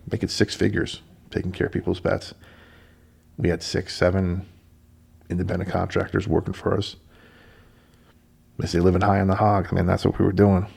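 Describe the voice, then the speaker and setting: A middle-aged man with a low, gravelly, somewhat husky voice tells a personal story on his radio show. He talks in a relaxed, animated way and acts out the conversations he quotes. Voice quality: deep gravelly voice.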